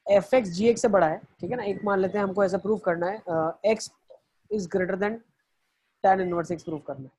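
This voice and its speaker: A man's voice: sits high, normal speed, a little mellow, a little hiss or hum. A man teaching math in an online lecture, explaining each step and answering his own questions as he goes, with English phrases mixed in.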